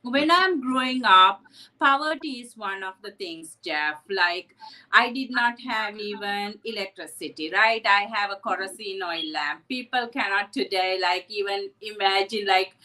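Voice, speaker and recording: A psychotherapist from Sri Lanka, a woman appearing as an interview guest, tells her story earnestly and reflectively, often tacking on "right?". Her mid-range voice is pushed and bright, a little slow, and the recording quality is low.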